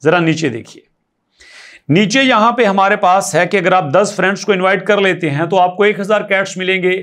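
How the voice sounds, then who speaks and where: A man's voice: sits high, fairly quick, a bit bright. A man talks viewers through a screen tutorial in a voice-over. He tallies numbers step by step, repeats his points and keeps urging them to listen closely. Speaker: crypto tutorial YouTuber.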